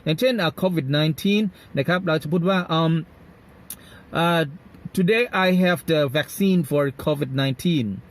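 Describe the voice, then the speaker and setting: Thai male English tutor, fairly high voice, very slow and deliberate pronunciation drills. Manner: slow, deliberate, repeats words for learners to echo. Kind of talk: pronunciation lesson.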